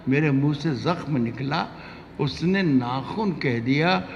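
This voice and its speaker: Creaky male shayari poet, echoing hall. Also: lively intonation. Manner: dramatic, drawn-out declaiming that swells high and loud. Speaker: Urdu poet reciting at a mushaira. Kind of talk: romantic shayari, ghazal couplets recited with repeats. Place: poetry gathering with audience, reverberant hall. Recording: muffled, noisy recording in a reverberant hall.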